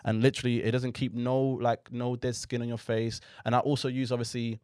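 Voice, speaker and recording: A man's voice: mid-range voice, little pitch movement, brisk, a little mellow, smooth, no echo, clean studio sound. A man with a London accent chatting casually as an interview host, with a slangy roadman-style delivery. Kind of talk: casual chat with street slang.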